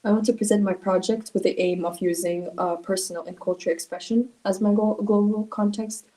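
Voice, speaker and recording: A woman from Russia, presenting her school project over a video call in an earnest way with many pauses. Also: mid-range voice, fairly even intonation, mellow, poor audio. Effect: on a video call, sharing her screen.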